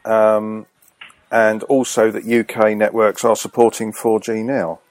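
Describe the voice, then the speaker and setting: A man's voice: lowish voice, little pitch movement, measured pace, no echo. A man phoning a company as a customer, questioning insistently and correcting the person he speaks to. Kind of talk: phone call complaint.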